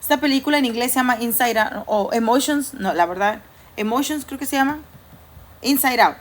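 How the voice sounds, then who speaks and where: A woman preaching a church sermon in a conversational way, now and then acting out the voices people hear in their heads. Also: a little high. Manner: conversational preaching, acts out inner voices and jokes.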